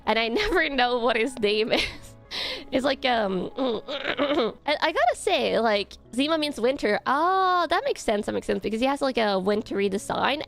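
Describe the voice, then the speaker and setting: A young woman chatting casually as she ranks game outfits, rambling with lots of fillers and little giggles. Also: a little high. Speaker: content creator. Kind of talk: casual ranking commentary. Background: soft background music.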